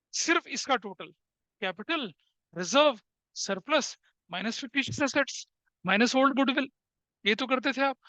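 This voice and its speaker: A man's voice: extremely high pitch, pushed and bright, no echo. A male commerce teacher lecturing a class, asking questions and answering them himself, with English terms mixed into his Hindi.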